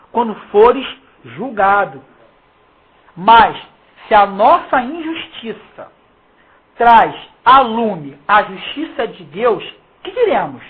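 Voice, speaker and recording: A husky, medium-pitched preacher from Rio de Janeiro, speaking Carioca Brazilian Portuguese, reads Bible verses and comments on them informally. He's emphatic and mocking, firing slangy rhetorical questions at his listeners, and the recording is muffled and lo-fi like a phone.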